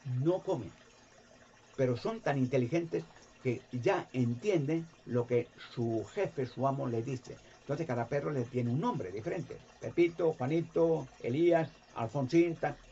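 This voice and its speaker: A man giving an impassioned religious monologue, animated, acting out voices and sounds. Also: unhurried. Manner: animated, jumps in pitch to act out voices and sounds. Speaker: video presenter. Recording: dull lo-fi recording.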